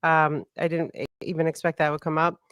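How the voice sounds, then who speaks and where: A young woman from the Washington DC area, a guest on a podcast, chatting casually and animatedly with quick asides. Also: low voice, little pitch movement, a bit bright, clear, resonant tone, dry recording, studio quality.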